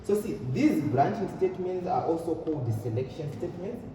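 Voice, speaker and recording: A man's voice: on the high side, expressive, fairly quick. A man teaching a programming class, repeating points and asking fill-in questions. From Zimbabwe. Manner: repetitive, asks rhetorical fill-in questions. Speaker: programming lecturer. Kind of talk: classroom lecture. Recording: echoey room, distant mic, noisy.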